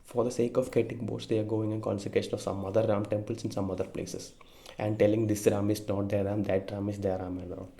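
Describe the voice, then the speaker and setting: A man's voice: fairly low pitch, level tone, a little fast, mellow. A young Indian man with an Indian English accent, giving an earnest, emphatic opinion monologue to camera with frequent fillers and self-corrections. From India (Kerala). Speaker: vlogger.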